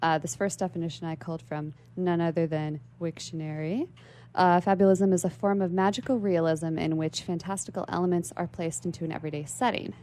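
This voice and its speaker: In a radio station studio, a young woman guest gives a prepared explanation, speaking in long, carefully built, articulate and bookish sentences. Her voice is on the low side, steady and warm, and a little fast.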